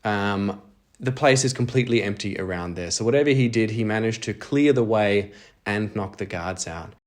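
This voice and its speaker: A man with a lowish voice hosts a solo role-playing audio drama, shifting between scripted story narration and casual play-by-play of the game. Music plays in the background.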